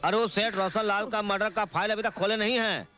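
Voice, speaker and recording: Swaggering politician, bossy and crude, loud score behind. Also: male voice, high-pitched, steady tone, a little fast, faint music behind. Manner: swaggering, commanding. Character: crude powerful male politician, lecherous and bullying. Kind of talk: Hindi film dub. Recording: film soundtrack with loud score.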